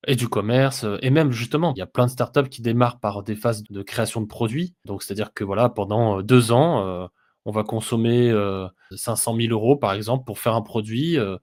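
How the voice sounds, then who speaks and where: A man co-hosting a business podcast, explaining things steadily and pausing often with filler sounds. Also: mid-range voice, darkish tone. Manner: hesitant, many "heu" fillers, explanatory. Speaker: podcast co-host, business software consultant. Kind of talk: casual business podcast discussion.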